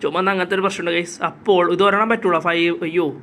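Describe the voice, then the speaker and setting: Quick, bright-voiced man narrating gameplay. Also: sits high, fairly even intonation, slight background noise. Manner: chatty, keeps addressing viewers as guys. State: coughing, voice a little hoarse. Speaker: gaming channel host. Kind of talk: casual gameplay commentary.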